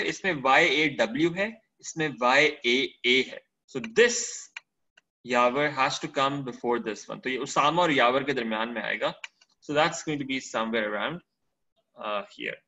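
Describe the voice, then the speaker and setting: A man teaches a spreadsheet lesson over a screen recording, switching between Hindi-Urdu and English and explaining step by step. He checks in often with short questions, in a mid-range voice that's bright and forceful. The recording sounds muffled.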